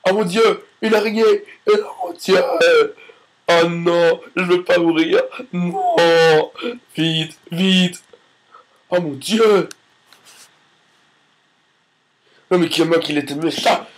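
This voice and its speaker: A man's voice: high-pitched, slow pace, rough recording. A man reacting frantically while playing a game, yelping and pleading. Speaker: gamer. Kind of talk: live panicked gameplay reactions.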